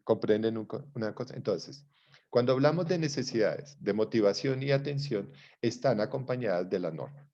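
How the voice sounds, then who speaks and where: A man's voice: on the low side, expressive, normal speed, warm tone, muffled recording. A middle-aged man with a Colombian accent lecturing a psychology class online in a conversational way, often checking that his students follow.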